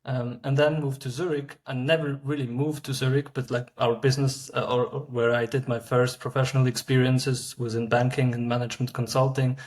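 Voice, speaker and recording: Guy in his 30s, founder on a podcast, pretty flat delivery, lots of ums and restarts. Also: medium pitch. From Switzerland. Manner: halting, many fillers and restarts. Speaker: startup founder guest. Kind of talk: casual interview answers.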